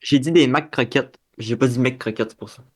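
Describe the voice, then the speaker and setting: A man's voice: mid-range voice, brisk. A young man with a Québécois French accent, co-hosting a casual podcast chat, rambling and correcting himself, with plenty of slang. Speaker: podcast co-host.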